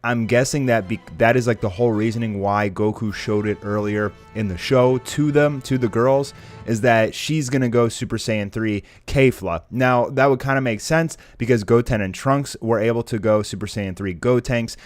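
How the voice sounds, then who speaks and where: A man's voice: mid-range voice, normal speed. A man giving casual, conversational commentary and speculation to viewers as an online anime commentator. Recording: music playing behind the voice. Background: background music.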